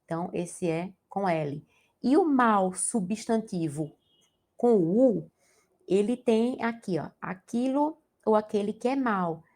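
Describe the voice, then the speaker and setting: A young Brazilian woman teaches Portuguese grammar for exam prep in a Brazilian accent, explaining points and checking in with the class through tag questions. Her mid-range voice is expressive, slow and a bit dark in tone.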